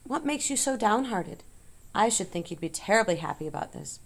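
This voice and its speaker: A woman voicing an innocent, eager young male pig in an audiobook, pitched higher and full of questions. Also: sing-song, fairly quick, gravelly. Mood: excited. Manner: higher, wide-eyed, asks many questions. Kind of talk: audiobook character voice.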